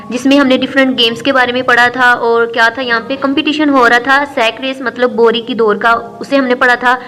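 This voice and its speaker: A woman, an English teacher giving a recorded lesson, explaining patiently and reading English lines out slowly. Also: high voice, a bit bright. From Pakistan.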